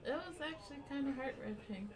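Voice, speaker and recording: A woman's voice: sits high, lively intonation, fairly quick, recorded from a distance. A woman playing a tabletop role-playing game, reacting casually with swearing and playing her character. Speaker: player. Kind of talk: casual play and chat.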